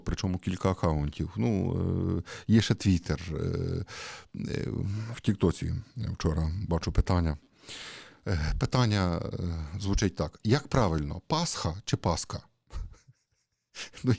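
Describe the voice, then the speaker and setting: A man giving a conversational sermon, asking rhetorical questions and pausing with hesitations. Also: sits low, gravelly, darkish tone, no room sound, clean studio sound. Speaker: priest.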